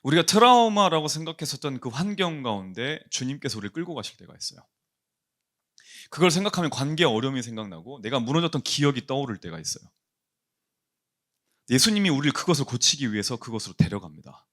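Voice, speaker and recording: A male pastor preaching a sermon to a young adults' congregation. He poses questions and answers them himself, and he slows and softens his voice when quoting. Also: mid-range voice, sing-song. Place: church.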